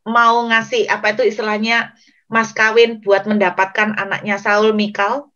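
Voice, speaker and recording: A woman evangelist preaching a sermon, telling the story in a lively way and speaking straight to the congregation. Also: fairly high pitch. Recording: dull lo-fi recording.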